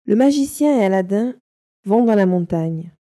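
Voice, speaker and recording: Mellow woman reading a storybook slowly. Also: medium pitch, animated. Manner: slow, simple, carefully articulated. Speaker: narrator. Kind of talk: slow storybook narration for learners.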